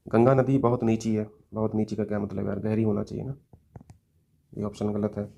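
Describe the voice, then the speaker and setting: An exam coaching teacher with a lowish, creaky, dark-toned voice moves fairly quickly through a Hindi grammar lesson, with little variation in pitch. He solves mock test questions step by step, often checking in with students using "theek hai" and "hai na." There's slight background noise.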